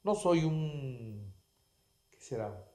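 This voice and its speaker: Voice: mid-range voice, animated, very slow, darkish tone, reverberant. A radio host who chimes in with short jokes and casual banter. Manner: joking interjections.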